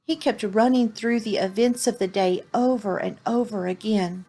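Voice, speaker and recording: A woman reading a children's story aloud in a clear, expressive storybook manner. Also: mid-range voice, moderate pace.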